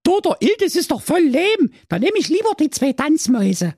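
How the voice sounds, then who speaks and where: A man's voice: very high-pitched, very animated, brisk, a little mellow, dry recording, clean studio sound, pitched above the performer's own voice, heavily acted. A man voicing a bratty, squealing fifteen-year-old girl in a comic fairy-tale parody. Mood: excited. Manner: squealing, whiny, crude.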